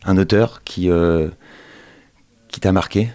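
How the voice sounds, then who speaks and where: A man's voice: low voice, steady tone, slow pace, warm tone, no echo. A man hosting an interview, asking meandering questions full of fillers and hesitations. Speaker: interviewer host.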